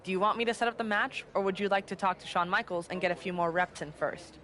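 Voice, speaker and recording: Businesslike game wrestling manager, bright edgy tone, high-set voice. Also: male voice, fairly even intonation, fast, slight background noise. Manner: businesslike, direct. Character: brisk male wrestling manager booking matches.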